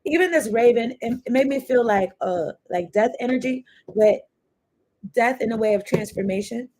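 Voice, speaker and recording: A woman with a slightly high, somewhat mellow voice speaks at a moderate pace, with a little noise behind her. Her tarot reading is easygoing and rambling, jumping between cards and ideas, with the occasional curse.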